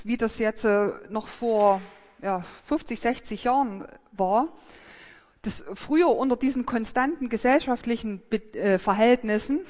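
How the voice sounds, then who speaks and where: A woman's voice: on the high side, in a large hall. A woman giving a sermon, thinking aloud in a hesitant, reflective way with frequent fillers and restarts.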